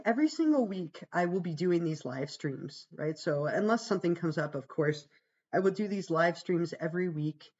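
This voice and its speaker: Sick and gravelly, her voice sitting lower than normal, a woman who teaches psychology tours a course page for students in a relaxed livestream. Her tone is a little mellow and her manner warm and chatty, peppered with "um" and "right?", and the sound is lo-fi.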